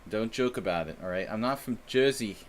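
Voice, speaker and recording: A man from the United States streams chess and chats casually with viewers, rambling and self-deprecating. His voice is on the low side and a little fast, with slight background noise.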